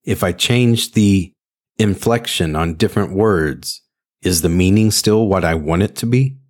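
A man hosting a solo podcast, speaking in an earnest, deliberate way with emphatic phrasing, as in a prepared talk. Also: low voice, a little mellow. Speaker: podcast host, interpreter.

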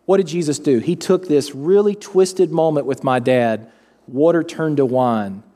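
A middle-aged man preaching a sermon as pastor, telling a personal story in an earnest, animated way. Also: a little high. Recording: long reverb of a large hall.

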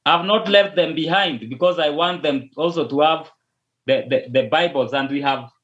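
Slight background noise accompanies a Kenyan pastor, a native Luo speaker, as he answers interview questions over a call. He speaks at normal speed in a fairly high, slightly bright voice, hesitating and frequently repeating or restarting words. The recording is dull and lo-fi.

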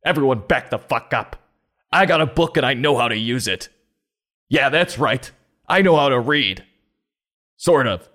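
Man acting grumpy groundhog, defensive, blustering, profane, raised pitch, comic storybook character. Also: expressive, unhurried, pauses often, fairly bright tone. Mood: defensive, threatening.

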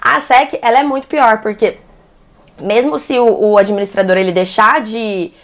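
A woman's voice: fairly high pitch, fairly even intonation, moderate pace. A woman journalist with a Brazilian accent, explaining energy sector news in a conversational way with frequent fillers and restarts. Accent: Brazilian Portuguese. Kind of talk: news commentary.

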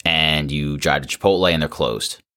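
A man with an extremely deep, low voice co-hosts a casual business podcast. He talks loosely and conversationally, with plenty of filler words. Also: normal speed, pushed and bright. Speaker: podcast co-host.

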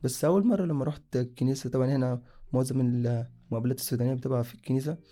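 A man's voice: medium pitch, fairly even intonation, very fast, dark tone. A young man from Sudan, casually telling his own story in a rambling way, often correcting himself mid-sentence. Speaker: guest sharing a personal story.

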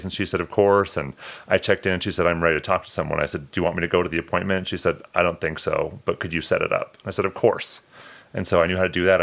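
Deep-voiced man telling earnest stories. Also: creaky, fairly bright tone. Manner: earnest, heartfelt storytelling. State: emotional. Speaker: podcast co-host. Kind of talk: casual podcast chat.

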